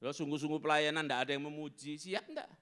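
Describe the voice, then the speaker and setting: A male pastor delivers a sermon at a church service. His voice is high and bright, and he keeps it animated, acting out little scenes and putting questions to the congregation. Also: quick pace, clean tone.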